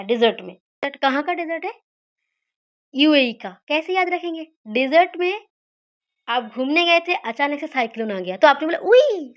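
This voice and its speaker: A woman teaching study mnemonics, repeating key words slowly and asking and answering her own questions. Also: high-pitched, fairly bright tone, lo-fi sound. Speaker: teacher of memory tricks.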